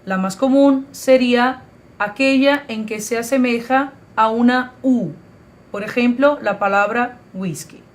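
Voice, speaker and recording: A woman's voice: fairly high pitch, measured pace. A woman from Brazil teaching a video lesson, spelling out letters and example words one at a time. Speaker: language teacher. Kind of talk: slow, careful video lesson.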